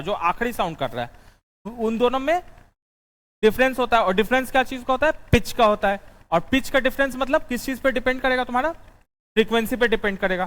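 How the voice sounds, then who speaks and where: High-voiced teacher in a reverberant classroom. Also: male voice, fairly bright tone. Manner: asks the class questions and answers them himself; sings out the notes of the scale. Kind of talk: classroom lecture with dictation.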